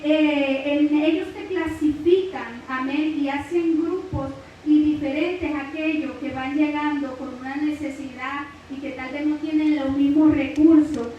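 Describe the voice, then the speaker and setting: A woman's voice: sits high, dark tone, dull audio. A woman from Mexico with a Guerrero Mexican Spanish accent, preaching a church Bible lesson. She fills her teaching with frequent "amen" and praise phrases and calls her listeners brother. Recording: very echoey hall, mic at a distance, faint hiss.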